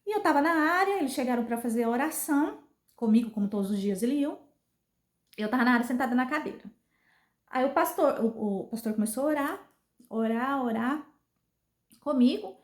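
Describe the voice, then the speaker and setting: A woman with a Brazilian accent recounts a personal story in a casual vlog, earnestly going over the same points again and again. Her voice sits high and sounds animated, moving a little fast with frequent pauses, and the recording has a roomy echo.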